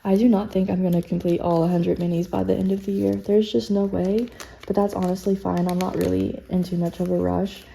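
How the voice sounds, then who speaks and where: A woman's voice: lowish voice, little pitch movement, brisk, creaky, dark tone, rough recording. A woman, slightly out of breath, chatting casually and self-deprecatingly as she stuffs cash into budget envelopes. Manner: chatty, self-deprecating, counts bills under her breath. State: a little out of breath. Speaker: budgeting vlogger.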